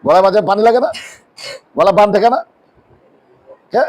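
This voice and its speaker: A man preaching a sermon in a mosque. He asks rhetorical questions and answers them himself, and drops his voice low on key words. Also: moderate pace, a little mellow, rough recording. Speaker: Islamic preacher.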